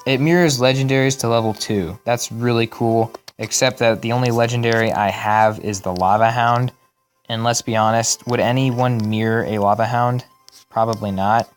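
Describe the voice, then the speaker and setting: A young man giving casual, rambling commentary on a mobile game replay, correcting himself as he goes, his voice worn and going hoarse. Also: mid-range voice, low-quality recording. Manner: rambling, self-correcting, chatty. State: losing his voice. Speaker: gaming channel host.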